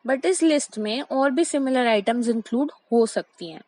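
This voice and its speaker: A young woman teaching English pronunciation in a mix of Hindi and English, repeating each word and reading example sentences slowly and deliberately. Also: high voice, darkish tone, dry recording, poor audio. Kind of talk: explanatory lesson mixing Hindi and English.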